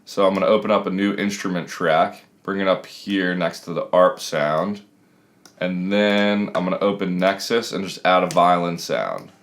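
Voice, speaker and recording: A man's voice: low-pitched, moderate pace. A man in his thirties talking casually and explaining step by step as a music production tutor, recorded in a small home room.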